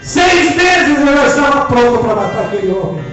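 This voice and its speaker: A man preaching his testimony at a Pentecostal service, swinging between hushed storytelling and shouted appeals. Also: very high-pitched, very animated, moderate pace. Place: church service hall. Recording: echoey church hall, distant mic, music and congregation.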